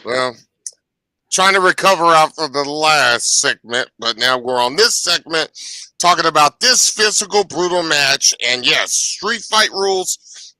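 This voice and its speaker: A man co-hosting a wrestling talk show, folksy and colloquial, quick to laugh. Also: fairly high pitch, animated, bright, forceful tone, dry recording. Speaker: co-host.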